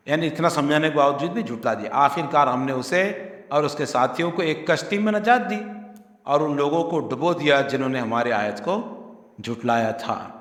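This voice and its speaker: An earnest male preacher speaks, pressing his point with rhetorical questions. His voice sits high. It rings out through a large, echoing hall. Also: a bit bright. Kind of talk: Quranic commentary sermon. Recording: echoey hall.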